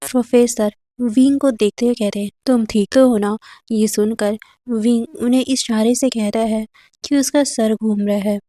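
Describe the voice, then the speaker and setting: A woman's voice: on the high side, mellow, no room sound, studio quality. A woman narrating a fan fiction story in a casual, chatty way, sprinkling in English words. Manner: conversational, mixes in English words.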